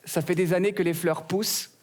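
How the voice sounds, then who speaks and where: Snippy little rose lady, a bit higher and prissy, guy doing her voice. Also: steady tone, fairly quick. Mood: prim. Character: prim, witty female rose who talks back.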